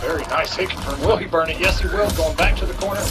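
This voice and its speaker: Male esports caster, live fighting game commentary, higher voice, over loud music and game audio. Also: fast.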